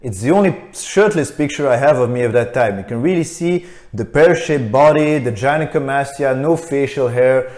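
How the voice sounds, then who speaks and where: A man in his thirties from Belgium tells his own story in a scripted, candid voice, frank and a little self-mocking. His pitch sits in an ordinary middle range for a man. The room around him gives the voice a noticeable echo. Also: moderate pace, few pauses, darkish tone. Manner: candid, matter-of-fact, self-deprecating. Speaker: vlogger. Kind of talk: scripted personal narration. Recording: roomy echo.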